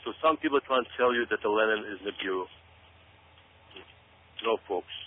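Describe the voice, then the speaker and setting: Heard through tinny phone-like radio audio, this Israeli man has a lowish, animated voice and keeps a moderate pace. He's an author and researcher appearing as a guest, offering emphatic, explanatory commentary. He often says phrases twice for emphasis.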